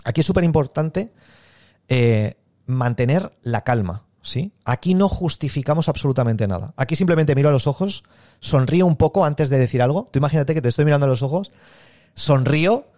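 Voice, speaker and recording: A man's voice: a little high, expressive, warm tone, dry recording, studio quality. A man giving a live online sales lesson, talking casually to listeners and acting out example sales conversations. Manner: conversational, acts out sales dialogues with pauses. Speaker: sales trainer. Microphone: close microphone.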